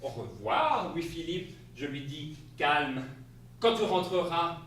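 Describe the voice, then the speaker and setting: Speaking slowly in a fairly high, expressive voice with a fairly bright tone, a male stage actor plays a flustered spouse relaying an absurd story. He exclaims and laughs throughout this comic theatrical monologue, flustered but amused. Echo, faint hiss and a distant mic mark the stage recording.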